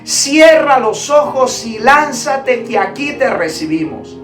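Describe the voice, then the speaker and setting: A father calls steadily up to his trapped son, insisting over and over that he is right below, as a woman preacher voices him. The delivery is slow and emphatic. A distant mic picks up a roomy echo, with soft music in the background. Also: sits high, heavily acted. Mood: urgent reassuring. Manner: calm, insistent reassurance.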